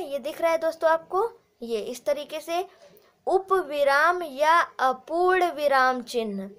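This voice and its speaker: A woman with an Indian accent teaching grammar, explaining slowly and repeating points while addressing viewers as friends. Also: high-pitched. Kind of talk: explanatory lesson.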